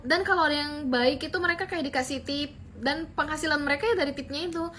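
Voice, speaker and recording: High-voiced chatty young woman. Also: fast talker, a bit bright, slight background noise. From Bali. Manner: chatty, playful slangy delivery. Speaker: comedy skit creator. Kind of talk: comic school skits and storytime.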